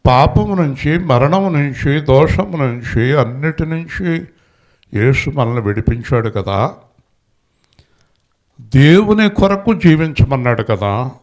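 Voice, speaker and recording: A man's voice: on the high side, animated, slow pace, pauses often, darkish tone. A male pastor preaching a Christmas sermon, telling a story and urging the congregation to respond aloud.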